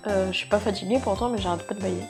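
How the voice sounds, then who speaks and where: A woman's voice: medium pitch, fairly even intonation, rapid-fire, gravelly. A young adult woman hosting a let's play, giving casual, chatty, self-deprecating commentary on a lapel mic. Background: game music.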